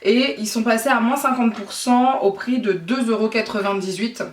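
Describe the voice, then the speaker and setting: Her fairly high voice, at a moderate pace, sounds far from the mic in a room with echo. This beauty vlogger chats eagerly through a casual product haul, wandering off and correcting herself along the way.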